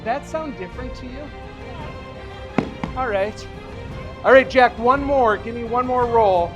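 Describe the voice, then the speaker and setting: High voiced guy magician bantering w a volunteer onstage, jokey, music playing behind him. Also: unhurried, muffled recording. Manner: joking, chuckling, encouraging banter. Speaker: magician performing a live show. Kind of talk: live stage patter with a volunteer. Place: live show in front of an audience.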